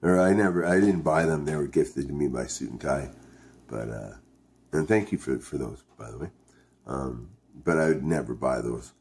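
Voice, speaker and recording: A man's voice: rumbling low, normal speed, vocal fry, a little mellow, a little hiss or hum. A man from Canada chatting casually to his viewers as a vlog host, hesitant and thinking aloud as he goes. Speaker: video host reviewing dipping tobacco. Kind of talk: casual, rambling vlog chat.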